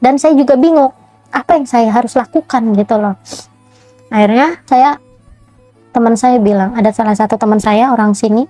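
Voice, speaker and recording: Woman retelling her story with animated dialogue. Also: fairly high pitch, moderate pace, long pauses, no room sound, faint music behind. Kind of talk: emotional personal testimony.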